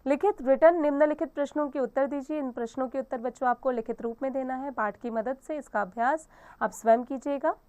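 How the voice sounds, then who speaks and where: A woman teacher reading a textbook lesson aloud to children, in a clear, explanatory manner, addressing the class directly. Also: high voice, fairly quick, mellow, no room sound.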